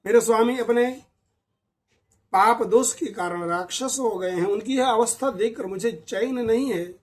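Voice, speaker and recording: A man's voice: high voice, a little slow. A man voicing a grieving, devoted young apsara wife, speaking in a pleading way in a storybook tale.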